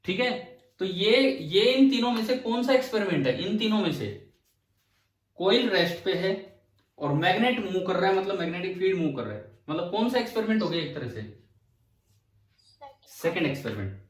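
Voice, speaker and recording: High-voiced man teaching in an echoey classroom. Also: expressive, normal speed, long pauses. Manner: questioning, explains step by step. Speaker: physics teacher. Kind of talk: classroom lecture. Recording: echoey room, from far off.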